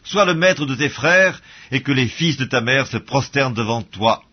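Old father figure voiced by a male reader; solemn, husky, muffled audio. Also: medium pitch, animated, normal speed. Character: old blind father blessing his son. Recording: dull lo-fi audio.

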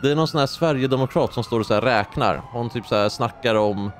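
A man in his twenties giving casual, excitable gameplay commentary as host of a gaming channel, joking and rambling as he plays. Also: mid-range voice, faint music behind.

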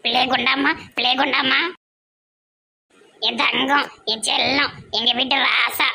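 A woman voicing a lonely, self-pitying middle-aged village mother in a cartoon, with a gravelly Tirunelveli Tamil accent. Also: sits high, flat delivery, unhurried, sharp tone, heavily acted. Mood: tender. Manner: plaintive, complaining.

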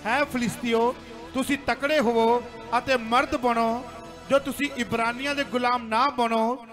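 A man reading scripture aloud quickly and steadily during a church service. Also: very high voice, fairly even intonation, fairly bright tone. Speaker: congregation member reading scripture. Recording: church hall with music and crowd.

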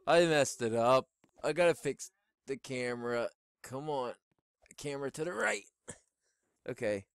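A middle-aged man doing Let's Play commentary on a headset mic in a small home room, exclaiming and shouting as he plays. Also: mid-range voice, slow pace, vocal fry, pauses often, clean tone, no room sound, studio quality. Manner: excitable, exclaims and shouts while playing. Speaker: gaming YouTuber.

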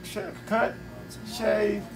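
High gravelly barber in a noisy shop. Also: male voice, monotone, drawn-out words, loud music behind the voice. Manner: laid-back, laughing, slangy. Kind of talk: casual shop banter. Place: busy barbershop. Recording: loud crowd chatter behind.

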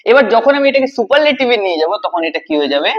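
High-voiced man teaching, dull lo-fi audio. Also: sing-song, rapid-fire. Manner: asks questions then answers them, repeats key words. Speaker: English grammar teacher. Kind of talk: classroom-style video lesson.

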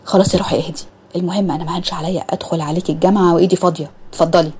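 A woman's voice: lowish voice, fairly even intonation, racing, a little mellow, slightly rough. Woman voicing a teasing young Egyptian man. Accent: Egyptian Arabic. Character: teasing playful young man, a doting fiancé.

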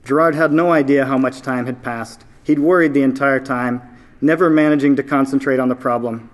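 A man, an author, reading his own fiction aloud at a live event in a measured storytelling manner. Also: medium pitch, steady tone.

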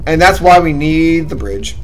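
A man's voice: on the high side, lively intonation, moderate pace, faint music behind, low-quality recording. A young man giving casual, slangy, profane gameplay commentary with a teasing manner. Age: young adult. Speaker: game streamer. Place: small indoor room.

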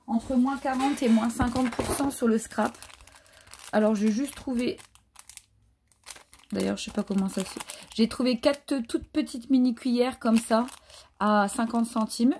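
A woman's voice: a little high, unhurried, darkish tone, slight background noise. A woman chatting casually through a craft haul, hesitant and full of fillers. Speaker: craft vlogger. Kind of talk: casual haul show-and-tell.

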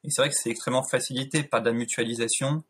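A man's voice: medium pitch, fairly even intonation, very fast, slight background noise. A man in his thirties, a guest on a video call interview, speaking thoughtfully with many fillers and restarts. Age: 30s. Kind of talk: casual interview talk. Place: home room, indoors.

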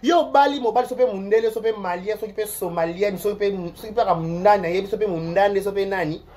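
With a Congolese accent, an online show host delivers rambling, animated gossip commentary, repeating words and swinging between loud outbursts and mutters. His pitch is medium and his speed normal.

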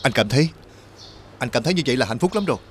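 A young man acting as a son who pleads with his mother and gently talks with his brother, in earnest drama acting. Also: mid-range voice, animated, rapid-fire, a little hiss or hum, lightly acted. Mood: gentle. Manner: earnest, pleading, rising to anguish. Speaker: grieving son.

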